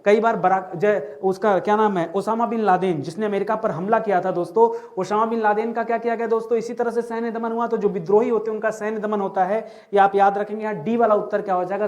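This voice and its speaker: A man teaching as an exam tutor, going through answers and repeating each question back to his listeners. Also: high voice. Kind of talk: exam answer-key walkthrough.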